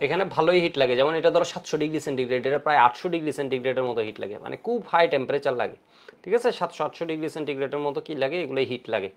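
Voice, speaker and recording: A man's voice: mid-range voice, rapid-fire. A man teaching an online chemistry lecture for exam prep, repeating key points again and again to drill his students.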